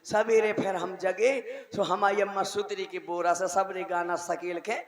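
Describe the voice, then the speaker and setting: A man with a Bundeli accent telling a comic story on stage, acting out the voices of family members and getting loud at times. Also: high voice, unhurried, crowd noise. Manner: animated, acts out voices, gets shouty. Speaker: comic performer. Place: outdoor stage show with crowd.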